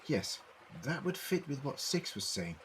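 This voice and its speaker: An actor in a fan audio drama playing an eccentric, brainy alien time traveller, explaining things theatrically in precise words. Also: male voice, mid-range voice, big pitch swings, a little slow, fairly bright tone, slight background noise. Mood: pondering.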